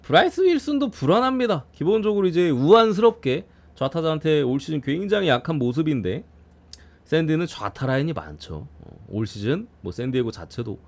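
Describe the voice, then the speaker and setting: A man's voice: fairly high pitch, very animated, fairly quick. Blunt, swearing male baseball analyst. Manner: blunt, swears often, grumbles at players. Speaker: baseball betting analyst streamer. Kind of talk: casual streamed game preview.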